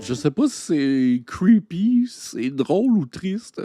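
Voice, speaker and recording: A Québécois man making casual, joking asides as he reacts to a film. His voice sits a little high and moves in a lively way. Film music plays behind his commentary. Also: slow pace. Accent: Québécois French. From Quebec.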